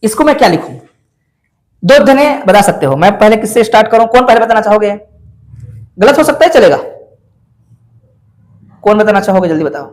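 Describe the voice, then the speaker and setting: A man's voice: high voice, very animated, fairly quick, long pauses. A male math teacher lecturing a class, coaxing his students with frequent questions.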